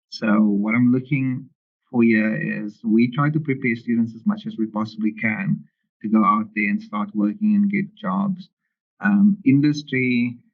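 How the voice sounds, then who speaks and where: Casting: man as interviewed lecturer, creaky and flat in pitch, heard through tinny narrow band. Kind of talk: explanatory interview answers. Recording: muffled, phone-like narrow band.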